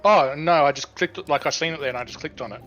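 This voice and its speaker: A man's voice: fairly high pitch, fast, lo-fi sound, soft background music. A man chatting casually on a friend's game stream, telling stories animatedly and acting out what others said. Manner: animated storyteller, acts out what people said. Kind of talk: casual chat.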